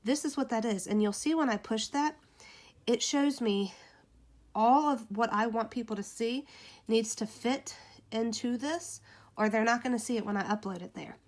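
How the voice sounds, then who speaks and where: A woman's voice: on the high side, moderate pace, a little mellow. A woman giving a casual tutorial on making social media graphics, chatting to viewers through a phone in her room. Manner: chatty, addresses viewers as you guys and y'all. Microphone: phone camera pointed at ceiling.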